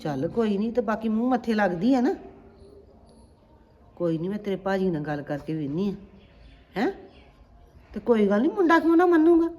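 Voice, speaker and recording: A middle-aged woman playing a mother looking for a bride for her son, chatty and lively in her talk. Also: medium pitch, brisk, pauses often, faint music behind, natural voice. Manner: chatty, animated on the phone. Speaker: mother of the groom.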